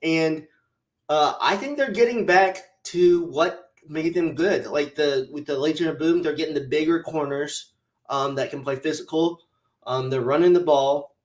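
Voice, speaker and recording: A man chatting on a fantasy football podcast in a fairly high voice. His talk is relaxed and rambling, full of fillers, and sounds like it comes through a remote call mic. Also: normal speed. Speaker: podcast co-host. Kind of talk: casual fantasy football chat.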